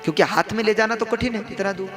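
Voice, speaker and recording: A young male preacher with a fairly high voice tells a devotional story, posing rhetorical questions to his audience. Instrumental devotional music hums clearly under his words. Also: fast. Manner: rhetorical questions, addresses listeners as bhaiya. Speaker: kathavachak (religious storyteller). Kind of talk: devotional katha sermon. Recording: music in the background.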